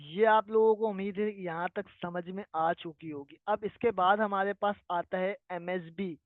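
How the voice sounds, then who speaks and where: A man's voice: high-pitched, fairly even intonation, moderate pace, dry recording. A man teaching a live online trading lesson, patiently explaining and often checking that his listeners follow. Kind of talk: live online lesson answering viewer questions. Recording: tinny phone-like sound, dry.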